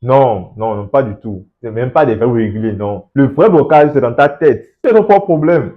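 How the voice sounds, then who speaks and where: A man's voice: medium pitch, animated, moderate pace. A man hosting an English-learning channel, giving a motivational talk straight to the viewer, encouraging and full of rhetorical questions, repeating words to stress a point. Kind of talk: motivational talk to camera, addressing the viewer directly. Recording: slightly dull, lo-fi sound.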